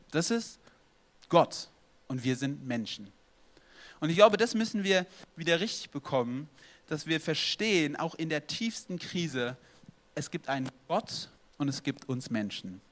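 A pastor preaching a sermon, lively and direct, acting out prayers and dialogue as he speaks to his congregation. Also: a little high.

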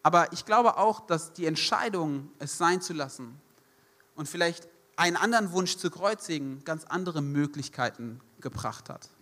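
A man's voice: fairly high pitch, animated, normal speed, a bit bright, in a large hall. A man preaching a sermon in German, emphatic and addressing the congregation directly, repeating his key phrases. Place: church service.

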